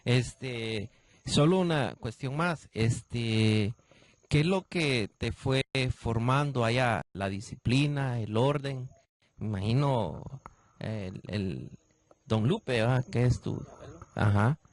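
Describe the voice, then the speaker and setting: A man's voice: mid-range voice, takes it slowly, no echo. A man asks his questions in a mid-range voice, hesitating on filler words. He sits a little away from the microphone, so he sounds more distant than his guest. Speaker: interviewer. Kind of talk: interview questions.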